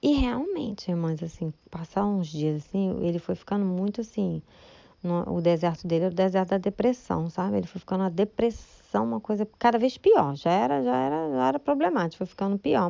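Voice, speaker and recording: A woman's voice: mid-range voice, gravelly, a little mellow, no echo, highs cut off. A woman gives a church testimony in a chatty, emotional storytelling manner, often turning to her listeners for agreement. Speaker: church member giving testimony. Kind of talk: spoken religious testimony.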